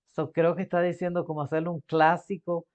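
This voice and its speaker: A woman's voice: on the low side, little pitch movement, brisk, darkish tone, lo-fi sound. A woman hosting a reaction video, chatting casually and switching between Spanish and English as she thinks aloud. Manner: chatty, restarts and repeats words while thinking aloud.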